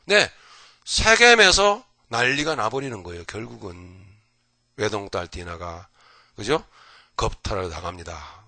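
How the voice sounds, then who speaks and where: Pitched fairly low and pacing himself a little slowly, a male pastor gives a folksy, lively Bible lecture in the early morning. Loud bursts alternate with whispers, and he often turns to his audience with "right?" The recording is dry.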